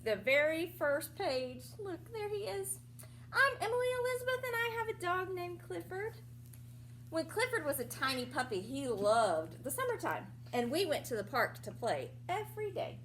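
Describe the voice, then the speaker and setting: Her voice is extremely high and swings widely in pitch, with a slightly bright tone, as she reads a picture book to young kids. Like a teacher, she explains simply and breaks off for questions and asides. Slight background noise is audible.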